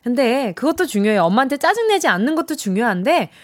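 A woman's voice: sits high, very animated, fast talker. A young woman hosting a radio show, reading listener messages in a chatty, encouraging way and acting out quoted lines.

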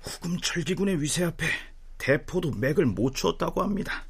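Husky, indignant court official. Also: male voice, a little high, lively intonation, moderate pace, exaggerated voice. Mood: grave, reproving. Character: indignant royal court official reporting grim war news. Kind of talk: historical drama acting, archaic speech.

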